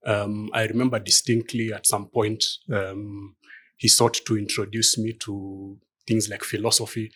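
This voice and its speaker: Soft-spoken man, husky, thoughtful. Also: on the low side, level tone, measured pace. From Kenya. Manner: thoughtful, hesitant with many fillers, light laughs. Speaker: law firm partner, guest. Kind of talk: conversational interview.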